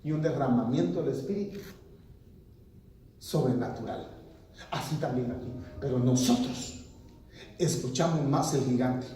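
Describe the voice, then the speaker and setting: A man's voice: mid-range voice, unhurried, pauses often, mellow, slight background noise. A pastor preaching a sermon, full of rhetorical questions and quoted voices of his congregation. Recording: echoey hall, mic far off.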